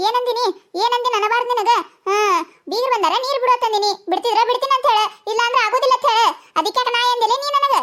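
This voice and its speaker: Cartoon: woman voicing a shrill, fast-bickering young village woman, North Karnataka accent. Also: fairly even intonation, sharp tone. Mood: indignant. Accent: North Karnataka Kannada. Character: young village woman pleading for water, quarrelsome. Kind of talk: cartoon voice acting.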